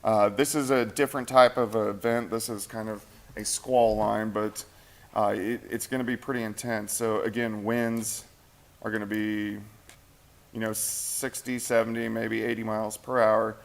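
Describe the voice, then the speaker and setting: This man's voice is lowish and creaky, with little pitch movement and a normal speed. He's a meteorologist doing live late-night weather coverage from a TV weather center on a shared mic. He sounds tired and hungry, chatting casually and thinking aloud over viewer comments.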